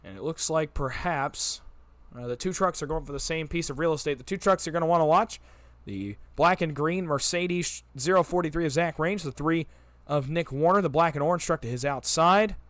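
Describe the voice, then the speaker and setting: Energetic man calling racing play-by-play. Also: on the high side, no room sound. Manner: rapid-fire, auctioneer-like calling when the pack is close; energetic, building excitement on big moments. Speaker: play-by-play announcer. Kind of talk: sim racing play-by-play commentary.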